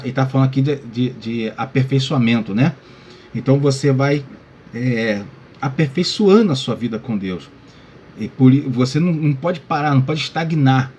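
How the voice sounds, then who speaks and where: A man's voice: medium pitch, darkish tone, a little hiss or hum. A male pastor teaching a Bible lesson in a casual way, full of little check-ins like "tá?" and addressing listeners as brother. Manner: casual, many fillers like "tá?" and "né?".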